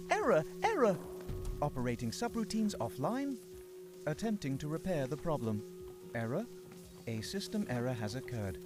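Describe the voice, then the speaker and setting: A man voicing a malfunctioning ship AI that glitches through clipped error messages and system announcements. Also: high-pitched. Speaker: ship's onboard AI assistant. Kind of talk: video game character voice. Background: loud game music.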